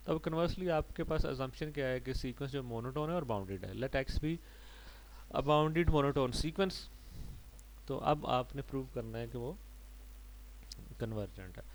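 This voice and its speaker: A man's voice: mid-range voice, a little mellow, slight background noise, poor audio. Man giving a patient maths lecture. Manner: explains step by step, mixing English terms and often adding "ठीक है जी".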